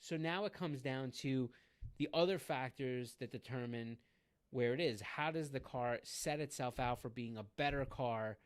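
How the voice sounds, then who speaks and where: A man's voice: mid-range voice, normal speed, clean tone. A man co-hosting a car podcast in casual chat, rambling with many fillers and restarts. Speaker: podcast co-host.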